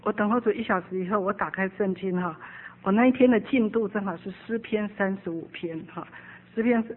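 A middle-aged woman, a preacher giving an animated, emphatic sermon testimony that often drops into quiet asides. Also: medium pitch, brisk. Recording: narrow phone-like sound.

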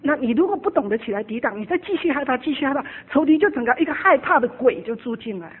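Husky high woman preaching over a tinny line. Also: fast talker. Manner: animated and emphatic, often drops into quiet asides. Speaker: preacher giving testimony. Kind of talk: sermon testimony. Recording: narrow phone-like sound.

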